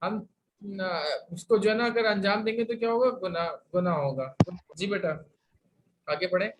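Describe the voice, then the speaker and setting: A man's voice: sits high, a little slow. Patient male teacher, roomy distant sound. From Pakistan. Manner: asks rhetorical questions and answers them himself, patient and repetitive. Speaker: religious teacher. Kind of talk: religious lesson to a class. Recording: roomy sound, distant from mic, faint hiss.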